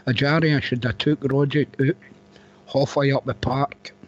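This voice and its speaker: A man's voice: medium pitch, fairly even intonation, moderate pace. A Scottish man talking football casually on a phone-in show, blunt and colloquial in his phrasing. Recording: dull, lo-fi call-in audio.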